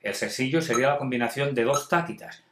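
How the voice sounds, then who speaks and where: A man's voice: mid-range voice, brisk, echoey room, background noise. A male music teacher explaining rhythms in a homemade video masterclass, chanting rhythm syllables in time. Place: at home.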